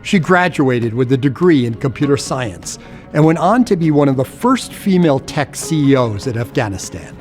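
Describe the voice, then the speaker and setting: A man hosting an award gala and narrating its tribute video in a measured, formal scripted delivery. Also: medium pitch, sing-song, darkish tone, faint music behind. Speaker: host and narrator.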